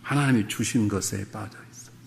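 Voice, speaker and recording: A man's voice: lowish voice, brisk, creaky, a little mellow, a little hiss or hum. A middle-aged male pastor preaching a revival sermon, moving between humorous storytelling and fervent exhortation.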